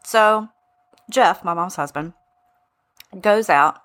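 A woman co-hosting a podcast, telling a story in casual, profane chat with lively asides. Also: mid-range voice, slow. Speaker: podcast co-host.

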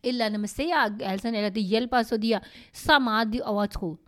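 A middle-aged woman, chatting casually with her daughter, often pausing to search for words and mixing in other languages. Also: a little high. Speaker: podcast co-host, mother. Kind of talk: casual family chat.

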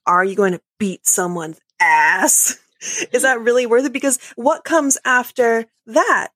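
A woman's voice: on the high side, unhurried, fairly bright tone, no room sound. A woman co-hosting a podcast in casual chat, wry and joking, piling up rhetorical questions.

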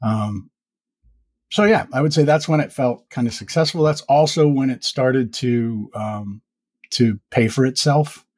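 A man in his fifties, a podcaster being interviewed, speaks in a mid-range voice with a darkish tone and a slightly slow pace. He talks reflectively and rambles, using lots of fillers, in a casual interview conversation that involves both podcast host and guest.

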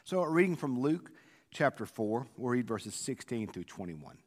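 A male preacher giving an informal, conversational devotional on scripture in a halting way, his voice echoing through a church sanctuary like a cathedral. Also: mid-range voice, sing-song. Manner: conversational, halting with repeated words. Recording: echoey church sanctuary, long reverb.

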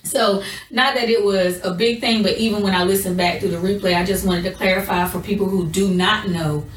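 A woman co-hosting a podcast in casual chat, speaking slowly and deliberately as she gathers her thoughts. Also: medium pitch, steady tone, reverberant, recorded from a distance, a little hiss or hum, low-quality recording. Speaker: podcast co-host.

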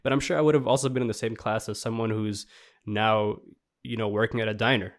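A man's voice: lowish voice, steady tone, fairly quick. A man in his twenties talking in a casual, reflective, rambling way, full of "like" fillers. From New York, USA. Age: 20s. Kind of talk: casual chat.

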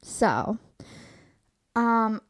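A woman's voice: on the high side, very animated, very slow. Chatty woman in her twenties rambling. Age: 20s. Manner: rambling, chatty, says "like" a lot. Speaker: podcast host. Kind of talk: casual solo podcast rant. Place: in her bed at home.

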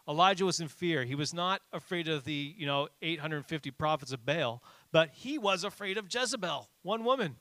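Man, pastor, bright voice, animated sermon delivery, dry close sound. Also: sits high, no room sound. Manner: animated, rises sharply for emphasis; conversational with frequent fillers.

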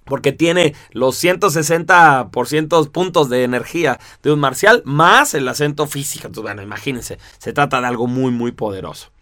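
A man giving a lively, conversational talk to an audience, full of rhetorical asides. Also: mid-range voice, normal speed, few pauses, dry recording, studio quality. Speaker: teacher.

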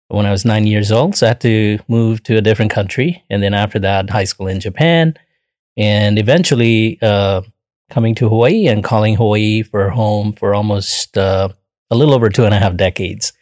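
A man from Bangladesh answering interview questions in a measured, earnest way with frequent pauses and fillers. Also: fairly low pitch, darkish tone, no room sound, clean studio sound. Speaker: interview guest.

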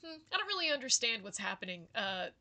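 Woman voicing a food-crazed young alien boy, bright and eager, high-pitched. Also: fast talker, full character voice. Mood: greedy delight. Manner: excited, food-obsessed. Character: gluttonous young male alien in human form.

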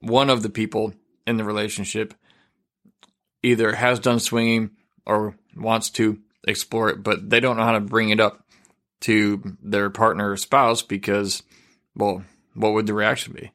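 A man's voice: lowish voice, level tone, measured pace, fairly bright tone. A male podcast host with an electronically altered voice, talking in a chatty, easygoing way. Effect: voice altered to disguise identity. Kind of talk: casual podcast chat.

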